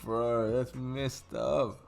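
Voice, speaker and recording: A man hosting a podcast, chiming in with eager, lively reactions. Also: mid-range voice, extremely slow, creaky. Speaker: podcast host. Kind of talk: casual chat.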